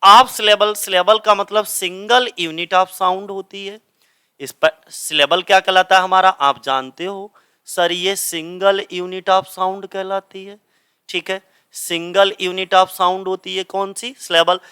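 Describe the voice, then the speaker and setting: A man's voice: high voice, steady tone, a little slow, sharp tone, clear, resonant tone. A young adult man teaching English literature, explaining step by step and asking and answering his own questions. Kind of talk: classroom explanation of grammar.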